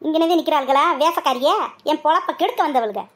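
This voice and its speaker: A woman's voice: high-pitched, a little fast, lightly acted. A woman voicing a wailing old mother-in-law, Madurai accent. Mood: scolding. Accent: Madurai Tamil. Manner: scolding, wailing and lamenting. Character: wailing village mother-in-law, older woman, fiery and fretful. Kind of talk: cartoon voice acting.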